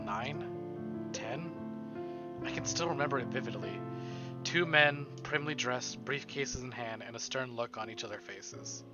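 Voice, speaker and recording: A man with a medium-pitched voice, recorded with a muffled sound, streams a visual novel. He reads the story aloud as dramatic narration, dropping in casual asides, while soft game music plays behind him.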